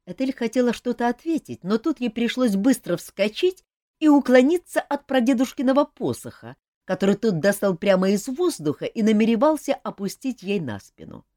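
A woman narrating a fantasy audiobook with lively, expressive storytelling. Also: on the high side, normal speed, no room sound, clean studio sound.

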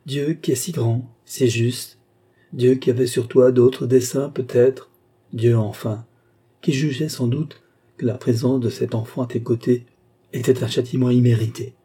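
A man reading aloud voices a young nobleman, an earnest and gentle brother who offers comfort. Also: mid-range voice, steady tone, measured pace, husky.

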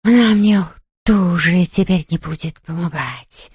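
Woman doing a breathy wailing ghost. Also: on the low side, a little slow, a little mellow, no echo. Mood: whiny. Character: wailing, self-pitying male cellar ghost.

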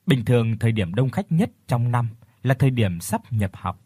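A man reads an audio story aloud with steady, even storytelling. His voice is a little husky. The recording is dry and close. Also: medium pitch, moderate pace, no echo. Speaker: audiobook narrator. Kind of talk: scripted narration.

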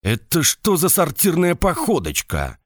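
A man putting on a hoarse barking drill sergeant. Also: on the high side, wildly swooping pitch, unhurried, no room sound, studio quality, voice pushed up, heavily acted. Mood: barking, scolding. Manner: scolding, crude insults, barked commands. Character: hoarse, bullying middle-aged drill sergeant.

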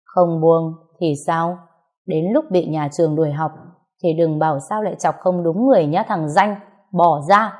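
A cold, unruffled young husband in a spoken story, voiced by a woman narrator. He speaks slowly and firmly in a low, mellow voice. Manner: calm, cold, measured. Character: calm young husband, cool and firm.

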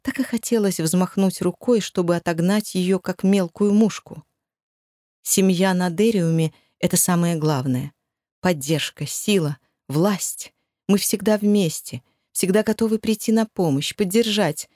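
Audiobook: woman narrator, lowish voice, measured and expressive, dry close mic. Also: dry recording. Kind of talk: first-person scripted narration.

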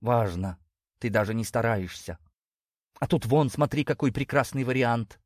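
A man's voice: medium pitch, normal speed, dry recording, studio quality, natural voice. A man voicing a doting, nagging middle-aged ewe mother who fusses and scolds. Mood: fussing. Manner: fussing, scolding.

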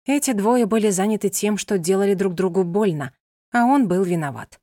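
A woman narrating a novel in an even, measured storytelling manner. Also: medium pitch, dry recording, studio quality. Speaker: audiobook narrator.

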